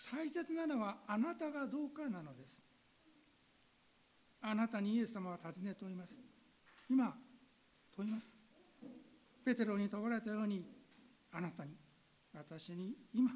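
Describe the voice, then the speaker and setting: A woman's voice: mid-range voice, unhurried, long pauses, darkish tone, low-quality recording. A woman pastor giving an earnest sermon that asks her listeners direct questions, then leading a spoken prayer.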